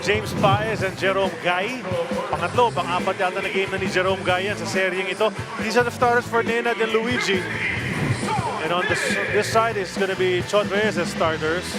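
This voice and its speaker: A man's voice: high-pitched, steady tone, moderate pace. A man with a Filipino accent giving live play-by-play basketball commentary, switching between English and Tagalog. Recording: loud arena music behind commentary.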